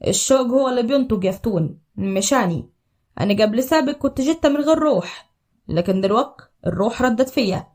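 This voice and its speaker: A woman voicing a devoted young husband from Upper Egypt in a storybook drama, speaking in a low, earnest Upper Egyptian accent. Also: lively intonation, a little fast, darkish tone, natural voice. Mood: tender. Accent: Upper Egyptian Arabic. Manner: low, earnest, tender declarations.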